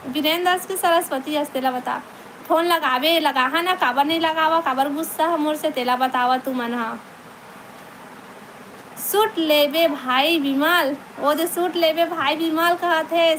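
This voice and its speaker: A woman's voice: high voice, unhurried, fairly bright tone, slight background noise, rough recording. A woman with a Chhattisgarhi accent, chatting casually on her live stream, greeting viewers by name and laughing often, on a phone mic. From Chhattisgarh, India.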